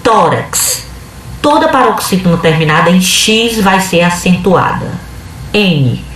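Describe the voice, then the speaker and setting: A woman's voice: fairly low pitch, lively intonation, slow, fairly bright tone, slight background noise. A woman teacher, giving a video lesson and explaining patiently step by step with frequent checks. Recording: echoey room, voice from a distance.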